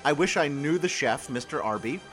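A man's voice: fairly high pitch, lively intonation, moderate pace, fairly bright tone, faint music behind. A man hosting a comedy podcast in a jokey, casual radio style, full of wisecracks.

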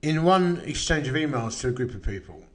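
A man's voice: mid-range voice, sing-song, fairly quick. A man with an Essex accent hosting a casual podcast with a blokey, bantering manner. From Essex, England. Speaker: podcast host. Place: echoey open-plan kitchen lounge at home.

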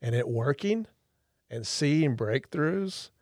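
A man's voice: a little high, lively intonation, slow pace, a little mellow, no echo, clean studio sound. A man co-hosting a podcast as a therapist trainer, explaining his method emphatically and repeating words for stress. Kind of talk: teaching explanation.

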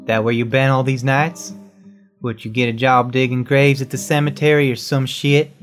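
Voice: mid-range voice, little pitch movement, normal speed, close to an everyday voice. A performer voicing a worn-down, defiant frontier wife and mother who talks back wearily and bitterly, over guitar music. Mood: weary. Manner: weary, bitter, pushes back hard.

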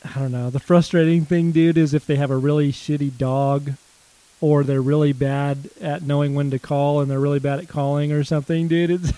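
A man's voice: fairly high pitch, flat delivery, brisk, warm tone, clean tone, no echo, rough recording. A man in casual chat about hunting, rambling with many restarts and calling his friend dude. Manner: rambling, lots of fillers and restarts, says dude.

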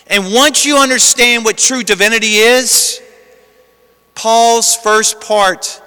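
A man, a priest, delivering a homily in a measured, emphatic way with deliberate pauses, in cathedral-like echo. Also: sits high, bright, forceful tone, clean tone. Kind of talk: homily and Gospel reading. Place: large reverberant church. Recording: long echoing cathedral-like reverb.

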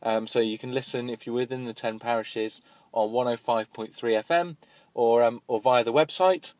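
A man co-hosting a community radio show in casual, laid-back banter, dry and full of pauses. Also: medium pitch, fairly even intonation, darkish tone, dry recording.

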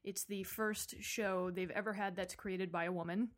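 A woman at a mid pitch joins a podcast as a guest in a home studio. She talks with eager enthusiasm and reacts quickly to the host. Her tone stays easy and conversational. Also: steady tone. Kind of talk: casual chat.

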